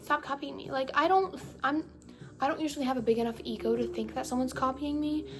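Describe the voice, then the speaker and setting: A young woman with a fairly high voice chats casually to her phone camera in a vlog, rambling and often cutting herself off. She uses a put-on valley-girl inflection. Faint music plays behind the phone recording.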